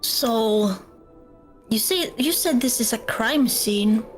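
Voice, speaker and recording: A woman's voice: on the high side, animated, slow, faint music behind. A woman player asking in-character questions in a tabletop game, in an inquisitive way.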